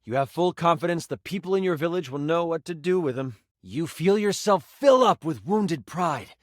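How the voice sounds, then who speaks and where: A man with a fairly high, lively voice, speaking at normal speed and sounding close to an everyday voice, plays a playful game master narrating a fantasy tabletop adventure. His storytelling is theatrical, dramatic, and in the second person. The recording is clean studio sound with no room sound.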